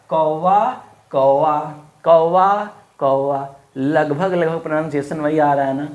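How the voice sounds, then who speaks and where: A man teaching a Hindi grammar lesson in a casual, friendly manner, asking questions and repeating words for drill. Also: high-pitched. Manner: casual, friendly classroom talk. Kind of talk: online class lesson.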